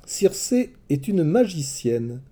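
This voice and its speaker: A man's voice: on the high side, big pitch swings, slow pace, dark tone, pitched above the performer's own voice, full character voice. A man voicing a young male messenger god who speaks earnestly and insistently, in a storybook reading.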